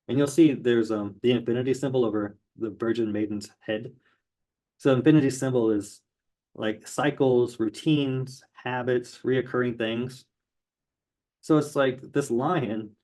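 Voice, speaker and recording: A man's voice: mid-range voice, a little mellow. A man teaching tarot card meanings in a loose, rambling explainer with many fillers. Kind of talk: casual explainer lesson.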